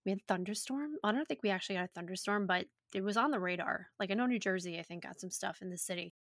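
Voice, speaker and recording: A woman hosting a casual podcast, chatty and profane, her voice a little raspy. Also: mid-range voice, fast, a bit bright, no echo, studio quality. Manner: chatty, loose and profane, with many likes. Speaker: podcast host and yoga teacher. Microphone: home podcast microphone.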